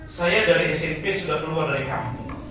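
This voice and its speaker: A high-voiced man in his forties preaches to a congregation, dropping to a hushed telling of his own story and then rising to shouted exhortation. He sounds far from the mic in a very echoey church hall, with music playing clearly behind him. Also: fairly quick. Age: 40s. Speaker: pastor. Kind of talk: sermon.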